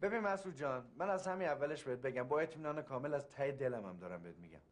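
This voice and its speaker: An actor playing an earnest, eager husband offering help, in a TV drama. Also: male voice, mid-range voice, expressive, background noise, close to an everyday voice. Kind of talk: TV drama acting.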